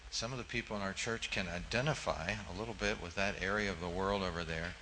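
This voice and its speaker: A man's voice: sits low, quick pace, pushed and bright, slight background noise, poor audio. A man, the pastor, making a church announcement and welcoming a guest family, with hesitant fillers.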